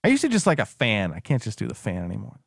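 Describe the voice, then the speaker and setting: A fast-talking Boston-accented man trading sarcastic jabs on a sports podcast. His pitch moves a lot, and the sound is dry and close to the mic. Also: wildly swooping pitch, gravelly, breathy edge, dry recording. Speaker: podcast co-host. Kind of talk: casual podcast chat.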